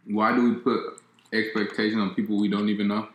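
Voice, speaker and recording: Low monotone man in echoey room. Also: fairly quick. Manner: mostly monotone, rambling with restarts. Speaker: co-host. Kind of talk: casual chat.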